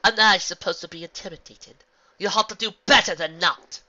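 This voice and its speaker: A narrator voicing Nightmare Moon, booming and imperious. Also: sing-song, pushed and bright, lo-fi sound. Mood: scornful. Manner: slow, booming, imperious declarations. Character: cold, furious evil female alicorn princess.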